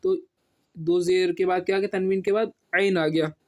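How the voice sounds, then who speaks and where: A man teaching a reading lesson step by step. He patiently asks and answers his own questions and draws out each syllable slowly as he spells. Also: high-pitched, fairly even intonation, darkish tone.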